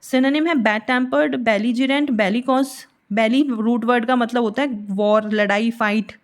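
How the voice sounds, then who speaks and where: High-voiced woman teaching vocabulary. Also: fairly even intonation. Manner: patient, repeats words slowly and spells them out. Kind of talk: explanatory lesson with memory tricks.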